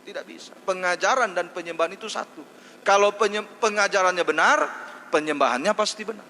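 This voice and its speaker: A man's voice: high voice, brisk, sharp tone. Emphatic male pastor in a reverberant hall. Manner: emphatic preaching, repeats key phrases. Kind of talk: sermon. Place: church hall. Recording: long hall reverb, faint noise.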